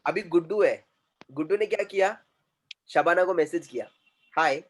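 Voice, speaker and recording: A man's voice: sits high, normal speed. A male communication trainer, lecturing a class and often repeating himself and quizzing students.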